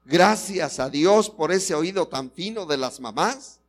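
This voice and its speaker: A man's voice: fairly high pitch, lively intonation, a little slow. A male pastor preaching a sermon, telling a story and acting out the characters' lines while speaking directly to the congregation.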